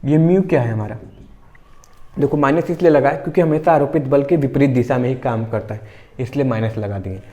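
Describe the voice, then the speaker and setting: A man teaches an exam-prep physics lesson in a conversational way, leaning on everyday examples. His voice is mellow and dark, at an ordinary pitch for a man. He keeps pausing to check that his students are following. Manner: conversational, repeatedly checking understanding with the class; explains through everyday examples.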